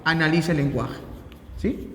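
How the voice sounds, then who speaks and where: A man with a high voice and a Peruvian Spanish accent gives a lecture to his students. He leans on key words slowly, then lets his voice drop away, and keeps asking "¿ya?" to check they follow. The room is echoey, with a long reverb tail. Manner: explains with repeated checks like ¿ya? and ¿no?; stresses key terms slowly, then trails off quieter. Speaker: teacher.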